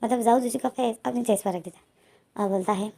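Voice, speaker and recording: A woman's voice: fairly high pitch, fairly quick, vocal fry, mellow. A woman narrating a fan-fiction story in a chatty, conversational way. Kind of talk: casual fan-fiction retelling.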